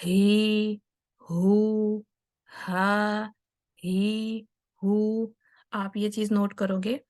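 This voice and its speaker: Patient woman teaching Quran pronunciation. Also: mid-range voice. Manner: patient, explains step by step and demonstrates sounds slowly; mixes English terms into her Urdu explanations. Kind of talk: online tajweed lesson.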